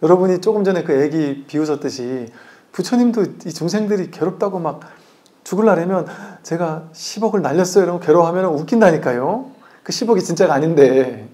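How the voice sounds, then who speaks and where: A man's voice: fairly high pitch, lively intonation, a little fast, warm tone. A man, a Buddhist monk, giving a conversational dharma talk that acts out the voices in his stories and asks the audience questions. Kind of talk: sermon.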